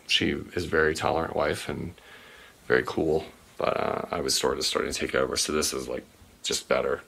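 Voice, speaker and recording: Man in his forties, very deep, gravelly, husky, sleepy midnight tone, rambling home tour, lots of ums. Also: a bit bright. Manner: low sleepy late-night voice, many ums and uhs. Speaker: channel host giving a room tour. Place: home game and art room, indoors.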